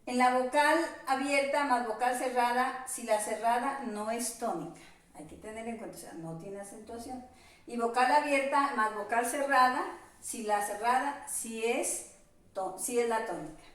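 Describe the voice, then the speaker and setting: A woman teacher giving a virtual class, spelling out examples slowly and carefully. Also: fairly high pitch, a bit bright, distant mic. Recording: echoey room, voice off-mic.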